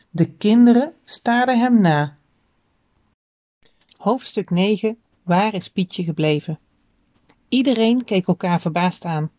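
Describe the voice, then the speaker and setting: A woman reads a children's book aloud in a storytelling voice. Her pitch sits in the middle but moves a lot, rising and falling through each sentence. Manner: expressive storybook reading.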